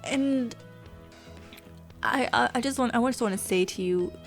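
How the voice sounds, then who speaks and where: A woman gaming vlogger with a fairly high voice chats candidly at a measured pace in a casual confessional vlog, venting and swearing freely. Soft music plays in the background.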